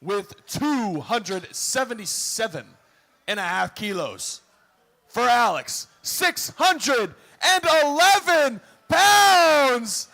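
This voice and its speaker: A man announcing a powerlifting meet live, working up the crowd like a showman with booming calls, drawn-out numbers and urging. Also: big pitch swings, gravelly, bright, forceful tone. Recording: crowd noise in a live venue.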